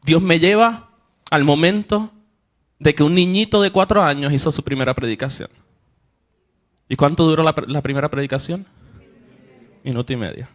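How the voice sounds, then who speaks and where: This young adult preacher has a slightly high voice and a normal speed but pauses often. Telling his congregation a personal story, he acts out each character's lines, and his voice climbs as emotion builds.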